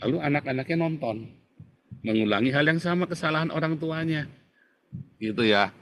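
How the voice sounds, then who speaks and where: A middle-aged man, a pastor, telling his own story and preaching with big swings in pitch and loudness while he keeps addressing his listeners. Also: animated, moderate pace. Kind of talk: testimony and preaching in a Bible Q&A.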